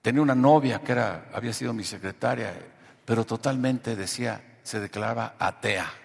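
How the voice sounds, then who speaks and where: A man's voice: mid-range voice, fairly quick, gravelly. A man with a Mexican accent preaching a sermon and telling a testimony, shifting from storytelling into emphatic preaching. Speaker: pastor. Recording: long hall reverb.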